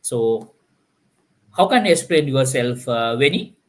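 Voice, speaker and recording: Hosting a live online panel, this man rambles with filler words, keeps saying "like, you know," and often starts his sentences over. He has a mid-range, expressive voice and speaks a little slowly.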